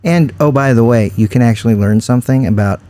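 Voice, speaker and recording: Dry, explaining man of middle pitch. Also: quick pace, dark tone. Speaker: podcast co-host and local news writer. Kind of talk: casual chat.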